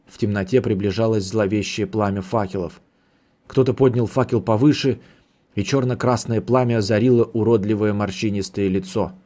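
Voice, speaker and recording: A man reading a novel aloud in the first person, with a measured, steady storytelling delivery. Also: fairly low pitch. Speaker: audiobook narrator.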